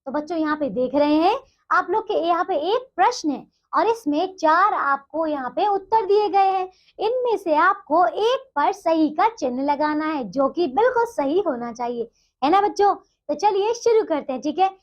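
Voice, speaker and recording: A woman with a strikingly high voice teaches a class of small children, coaxing them along and checking in with them again and again. Her talk is patient and classroom-simple. The recording sounds dull and lo-fi. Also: expressive. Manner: slow, sing-song recitation of poem lines. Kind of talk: primary school Hindi lesson for children.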